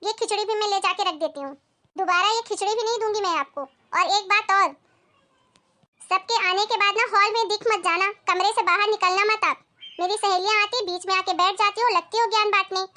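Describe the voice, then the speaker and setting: A woman's voice: extremely high pitch, steady tone, brisk, sharp tone. A woman playing a short-tempered, bossy daughter-in-law in a comedy family skit, scolding sharply and sarcastically. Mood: harsh.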